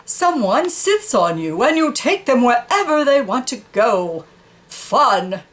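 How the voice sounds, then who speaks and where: Reading a children's picture book aloud, a woman voices a big horse that's proud of its mane and full of condescension. Her fairly high voice swings widely in pitch. She teases in slow, cooing baby talk, cheery and coaxing.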